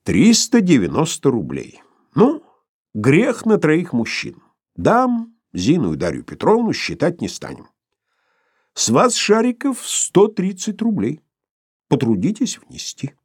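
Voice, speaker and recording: Brief: imperious old professor, acted by a male reader, formal and ironic, husky voice, lively pitch. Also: unhurried, no echo, clean studio sound, full character voice. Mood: ironic, measured.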